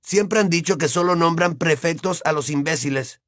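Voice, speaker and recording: A man's voice: on the high side, moderate pace, fairly bright tone, no echo, clean studio sound, voice pushed up, lightly acted. A man voicing a touchy, earnest teenage boy wizard who talks in a slightly raised, youthful voice. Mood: grumbling.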